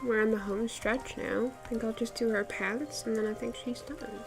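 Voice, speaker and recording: Over music, a woman with a fairly high, steady voice chats at a normal pace while drawing on a live stream. Afrikaans is her first language, and she's giggly and chatty, laughing often and filling her talk with words like "like".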